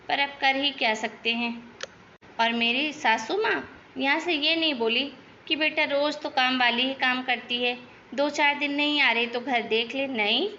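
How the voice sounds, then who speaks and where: Lady doing a gossipy cartoon bahu, high bright voice, always complaining, bit muffled. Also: a little hiss or hum. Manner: chatty, complaining, defensive. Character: gossipy young daughter-in-law, lazy and talkative. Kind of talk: cartoon voice acting.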